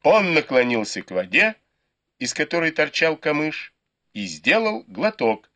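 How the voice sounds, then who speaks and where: A man reading a novel aloud in measured, scripted narration. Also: fairly high pitch, very animated, pushed and bright. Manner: measured storytelling. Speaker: audiobook reader.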